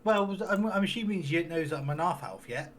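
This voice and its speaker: A man's voice: on the high side, animated, brisk, a bit bright. A man playing a rambling half-elf handyman. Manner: folksy rough grammar, rambling with fillers. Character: rough-spoken half-elf male handyman, wandering loner. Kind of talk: tabletop role-play in character.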